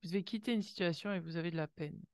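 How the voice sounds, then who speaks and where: Racing along in a fairly low voice with no room sound, a woman does an intuitive oracle card reading. She speaks warmly to viewers in second person, her delivery exclamatory and peppered with gasped wows and sound effects.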